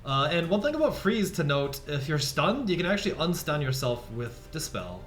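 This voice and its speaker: A man casting a digital card game tournament, calmly explaining plays and rules as they happen. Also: fairly high pitch, normal speed, soft background music. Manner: explanatory, relaxed, gives rules tips. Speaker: esports caster. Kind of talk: play-by-play commentary.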